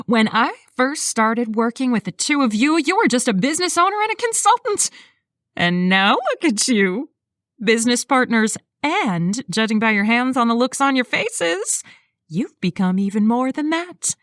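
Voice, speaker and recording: Lady narrator doing a bubbly texan designer woman, high and quick, bossy in a nice way. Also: very animated, fairly bright tone, no echo, studio quality. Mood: bustling. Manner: upbeat, bustling. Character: brisk purposeful female interior designer.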